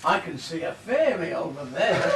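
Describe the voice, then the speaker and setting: Man acting an exasperated pantomime companion, sardonic, hammy, high voice, distant mic, audience. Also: creaky, heavily acted. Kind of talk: amateur stage pantomime. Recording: echoey stage from afar, audience.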